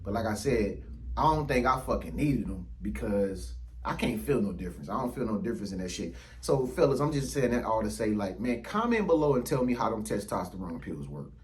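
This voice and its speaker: Under ring lights indoors, a thirty-something YouTube host talks casually to his camera in a fairly low voice that swings widely in pitch at a brisk pace. The recording is rough, and his speech is rambling, slangy, profane, and packed with fillers.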